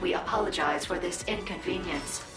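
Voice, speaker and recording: A woman voicing a calm train station announcer who speaks over a public address loudspeaker and gives polite, measured announcements. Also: on the low side. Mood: announcing. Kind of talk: game voice acting. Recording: echoey game audio with loud music.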